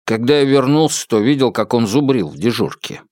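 A man's voice: medium pitch, sing-song, a little fast, a little mellow, no echo, studio quality, lightly acted. A man voicing a grumbling young male student roommate.

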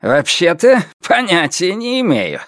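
A man's voice: very animated, a little slow, dry recording, clean studio sound, heavily acted. Man voicing a sneering old village headman. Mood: mocking. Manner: sneering, pitched up high, shouting when angry. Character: gruff older male village headman, defiant. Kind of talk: audiobook character voice.

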